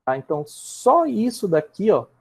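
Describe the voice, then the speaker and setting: This high-pitched Brazilian man has a creaky, breathy voice with wildly swooping pitch, and he speaks at normal speed. He is teaching a live programming class online, explaining step by step and checking in often. He repeats and restarts words while typing.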